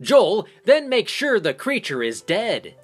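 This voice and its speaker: Reviewer, man, sarcastic recap narration, lively pitch, faint music. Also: slow pace. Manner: sarcastic, joking asides. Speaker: movie reviewer. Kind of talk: comedic film recap narration.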